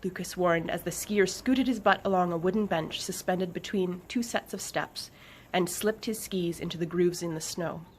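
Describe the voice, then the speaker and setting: A woman author reading her children's book aloud with expressive storytelling and dramatic pauses. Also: lowish voice, slight background noise.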